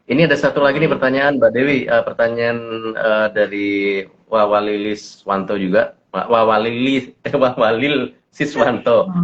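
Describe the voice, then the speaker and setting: A man co-hosting a hospital talk show, asking questions in a relaxed, hesitant way. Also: medium pitch, normal speed, highs cut off. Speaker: co-host. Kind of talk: casual talk show chat.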